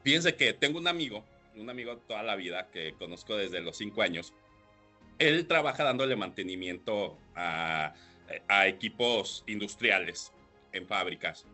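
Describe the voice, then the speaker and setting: A man hosting a leadership podcast, explaining points with rhetorical questions and frequent throat clearing. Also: lowish voice, expressive, moderate pace, pushed and bright, soft background music. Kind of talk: solo podcast talk.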